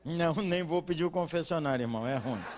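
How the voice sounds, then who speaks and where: A man with a Brazilian Portuguese accent preaching at a conference, joking with the congregation and asking them to respond, then dropping into quiet, earnest teaching. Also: on the high side, quick pace, slight background noise. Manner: swings from loud jokes to quiet earnest teaching. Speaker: pastor. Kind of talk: conference sermon.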